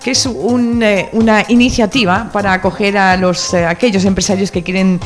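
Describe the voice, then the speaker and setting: Brisk woman reading local radio news. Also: medium pitch, steady tone. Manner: brisk, newsreader delivery. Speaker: radio host. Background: music bed.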